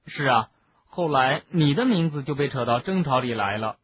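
A man's voice: mid-range voice, expressive, normal speed, a little hiss or hum, lightly acted. A man reading a chatty teenage boy wizard. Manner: chatty, explaining at length. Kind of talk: audiobook reading. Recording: narrow phone-like lo-fi sound.

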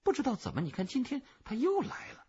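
A man's voice: very high-pitched, huge pitch swings, quick pace, darkish tone, slightly rough, voice pushed up, full character voice. A man voicing a scornful, gossiping schoolteacher in a storybook reading, sniffing with disapproval, on a muffled lo-fi recording.

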